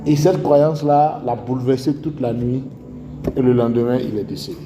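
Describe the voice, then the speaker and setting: A man's voice: medium pitch, fairly even intonation, moderate pace. A man with an Ivorian French accent preaching a sermon, telling stories and asking rhetorical questions. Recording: echoey hall with faint music.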